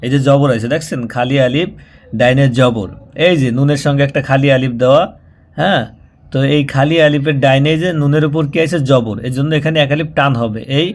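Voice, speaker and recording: A man teaching Quran reading. He spells out syllables slowly and patiently, repeating them and drawing them out as he demonstrates. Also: medium pitch. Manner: patient, repetitive, slows down and draws out syllables when demonstrating. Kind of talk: spoken tutorial, spelling out and chanting syllables.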